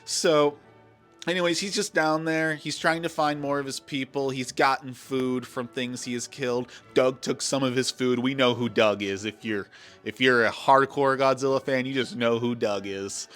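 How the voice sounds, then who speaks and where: A man's voice: mid-range voice, fairly even intonation, normal speed, fairly bright tone, soft background music. A man giving a ranting movie review vlog, exasperated and sarcastic, with swearing.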